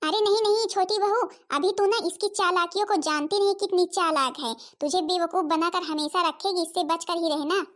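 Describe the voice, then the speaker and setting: A woman voicing a sharp-tongued, scolding village mother-in-law in a cartoon, nagging and accusing. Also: very high voice, fairly even intonation, moderate pace, hardly any pauses. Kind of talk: cartoon voice acting.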